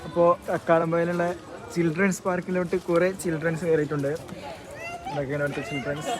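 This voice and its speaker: A high-voiced man with a Kerala accent chats casually as an amateur vlogger. He slips English words into his Malayalam. He is recorded outdoors, with heavy crowd and street noise all around him. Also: little pitch movement, fast talker. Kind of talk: casual vlog chat with friends. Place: outdoors on a trip.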